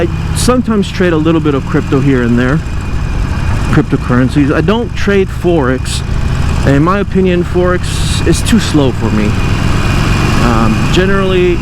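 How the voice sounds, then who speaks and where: A man talking casually inside a motorcycle helmet while riding, rambling and thinking aloud with hesitant self-corrections. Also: mid-range voice. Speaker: motovlogger, stock trader. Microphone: mic inside a motorcycle helmet. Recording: helmet mic with engine and traffic noise. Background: engine and vehicle noise.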